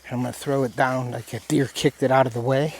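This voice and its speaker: A man giving a casual, folksy step-by-step hunting demonstration outdoors while he works, with a tractor rumbling in the background. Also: flat delivery, fast, a little mellow. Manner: folksy, talks while working with his hands. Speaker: hunting how-to presenter. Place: outdoors in the woods. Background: tractor rumbling nearby.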